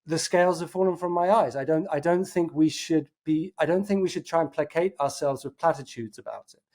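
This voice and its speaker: In a brisk, darkish voice of fairly high pitch, an innovation executive appears as a podcast guest. During this casual interview chat he lays out his opinions with earnest thought, often using fillers and starting sentences over.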